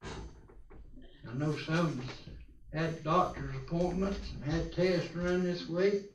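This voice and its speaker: Man, preacher, pulpit microphone, slow deliberate scripture reading, roomy church echo. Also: fairly high pitch, slight background noise. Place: church sanctuary. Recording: roomy church sound from a distance.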